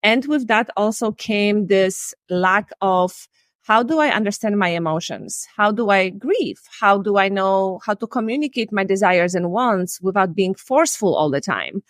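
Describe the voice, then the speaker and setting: On a video call from a room at home, a Polish woman in her forties with a Polish accent earnestly recounts her own story as a life and relationship coach, candid and reflective, her phrasing slightly non-native. Her mid-range voice is animated and moderately paced, and the studio-quality audio has no room sound.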